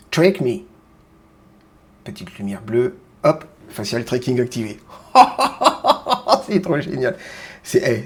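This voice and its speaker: A man hosting a casual home product demo of a webcam, chatty and excited, with lots of fillers and restarts. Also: mid-range voice. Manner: enthusiastic, keeps repeating how great it is. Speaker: tech video host. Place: small room at home with grow tents.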